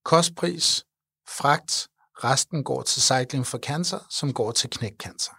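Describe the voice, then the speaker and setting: A middle-aged man talks earnestly and with animation about his charity event, his voice sitting at an ordinary pitch. The sound is close and dry, with no room around it. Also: gravelly, pushed and bright, slightly rough, dry recording. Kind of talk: interview conversation.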